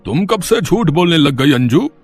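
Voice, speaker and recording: A man voicing a wry, teasing older father-in-law in a fairly high voice. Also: big pitch swings, normal speed, faint music behind. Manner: wry, amused.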